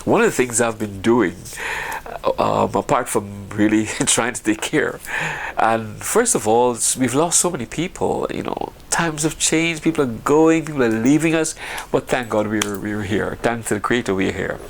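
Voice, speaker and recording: Gravelly-voiced man from Guyana, rambling. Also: mid-range voice, normal speed, slight background noise. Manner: rambling, chatty, with frequent laughs and restarts. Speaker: vlogger. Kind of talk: casual home remedies chat.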